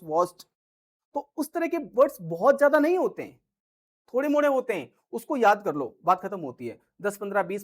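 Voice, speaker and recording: A man teaching grammar in Hindi, reading the examples slowly and often checking that viewers follow. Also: extremely high pitch. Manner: explains patiently, repeats "ठीक है" and "समझ रहे हो?", reads English examples slowly. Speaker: English teacher. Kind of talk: Hindi-English grammar lesson.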